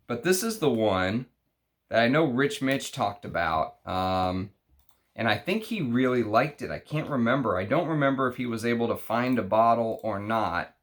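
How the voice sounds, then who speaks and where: A man with a Texas accent chatting unscripted through an unboxing, halting and thinking aloud as he reads out names. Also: mid-range voice, animated. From Texas, United States. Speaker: fragrance review show host. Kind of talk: unscripted unboxing chat, reading out names and notes.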